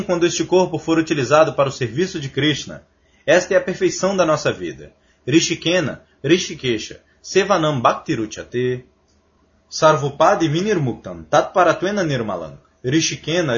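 A man giving a religious scripture lecture, emphatic and lecturing, reciting Sanskrit verses slowly and deliberately. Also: fairly high pitch. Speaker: spiritual lecturer. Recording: dull lo-fi lecture recording.

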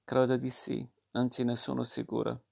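A stern yet kindly fairy mother lecturing patiently, as a man reads her. The voice is low-key and gravelly, and it stays flat and even through each admonition in this storybook reading. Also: normal speed. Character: kind but stern fairy mother, female.

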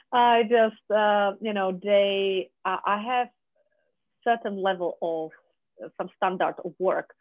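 A guest from Czechia with a Czech accent and Czech as a first language, speaking in a halting way with many fillers and restarts in a conversational interview. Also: medium pitch, steady tone, dry recording. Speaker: podcast guest, business founder. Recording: dry, tinny phone line.

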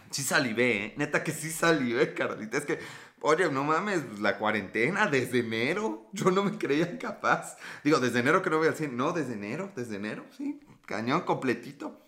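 Animated, bright-voiced Mexican man. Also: a little high. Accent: Mexican Spanish. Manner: profane, teasing, flirty banter. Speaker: livestream podcast host. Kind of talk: casual chat reading viewer comments.

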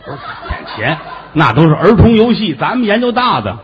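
A rapid-fire male comedian, with a voice sitting a touch high, delivers absurd boasts deadpan as the lead in a crosstalk act. The recording is dull and lo-fi, like an old radio broadcast. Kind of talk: live crosstalk comedy performance.

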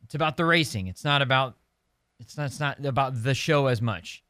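A man's voice: medium pitch, brisk, sharp tone, dry recording, clean studio sound. A man co-hosting a casual racing podcast, rambling with many restarts. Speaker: podcast co-host. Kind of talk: casual chat.

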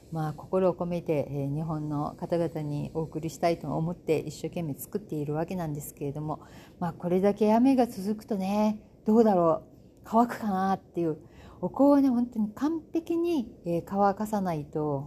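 A woman's voice: on the low side, dark tone, slight background noise. A middle-aged woman hosting a casual solo talk, chatty and self-amused, with lots of fillers. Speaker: podcast host. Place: home in Bali.

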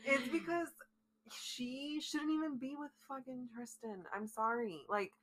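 A young woman co-hosting a casual chat, animated, getting worked up and restarting her thoughts. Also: sits high, unhurried, rough recording. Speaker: podcast co-host.

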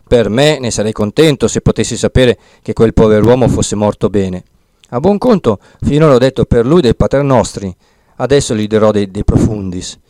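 A man's voice: on the low side, normal speed, warm tone, dry recording, lightly acted. A man voicing an earnest, determined young village man who sounds eager and insistent in an audiobook reading.

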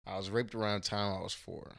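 A Houston-raised man speaks as a podcast guest in a slightly low voice. His talk is casual and full of slang and cursing, and he often restarts, trails off or searches aloud for a word. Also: flat delivery, quick pace, creaky, a bit bright. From Houston, Texas. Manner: loose, slangy and profane, trailing off and searching for words.

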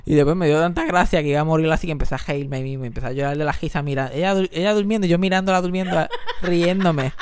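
A young man with a Puerto Rican accent tells a funny story in casual chat, animated and profane, squealing high when he quotes himself. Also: fast talker, hardly any pauses, a little hiss or hum.

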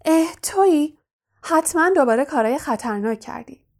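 A fussing, muttering school nurse, as a woman puts her on worries aloud over a pupil in an audiobook. The voice is fairly high and a little grumbling. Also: a little mellow, close to an everyday voice. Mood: fussy. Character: fussy middle-aged female school nurse.

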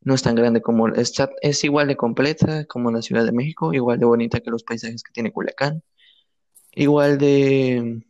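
A young Mexican man gives his opinions bluntly in a casual chat. His voice is dark and relaxed, and the recording sounds muffled and dull. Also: mid-range voice, normal speed.

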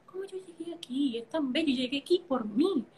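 A woman's voice: high-pitched, lively intonation, a little fast, darkish tone, slight background noise. A woman telling a personal story in casual conversation, emotional and vivid, filling gaps with playful sounds. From a Caribbean island. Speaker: podcast conversation partner. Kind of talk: casual chat.

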